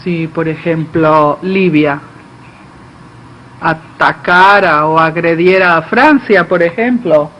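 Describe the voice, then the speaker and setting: A man giving live simultaneous interpretation of a political speech, delivered haltingly, phrase by phrase. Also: on the high side, pushed and bright. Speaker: conference interpreter. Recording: dull lo-fi feed, faint background noise.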